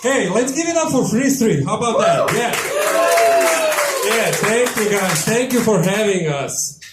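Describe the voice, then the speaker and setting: A man from former Yugoslavia with a Yugoslav accent doing a live stand-up set on a small tavern stage, delivering dry, deadpan one-liners into a handheld mic. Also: high-pitched, measured pace, a loud crowd, very noisy. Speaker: stand-up comedian. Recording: echoey live bar room.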